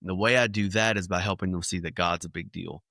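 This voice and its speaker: Bright-voiced man telling vivid stories. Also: sits low, fast talker, vocal fry, dry recording, studio quality. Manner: animated storyteller acting out scenes. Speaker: kids ministry speaker. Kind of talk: podcast interview storytelling.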